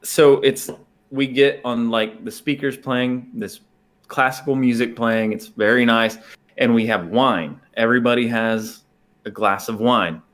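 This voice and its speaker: A man's voice: mid-range voice, fairly even intonation, measured pace, fairly bright tone. A man co-hosting a podcast in casual chat, rambling and laughing as he tells a story. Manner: rambling, laughs often, restarts sentences. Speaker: podcast co-host.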